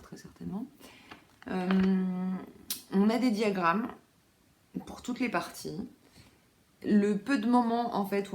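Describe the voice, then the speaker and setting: A woman's voice: fairly low pitch, a little mellow, reverberant, slight background noise. A woman hosting a knitting podcast, talking casually with many fillers and asides, in a room at home by a window. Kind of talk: casual chat.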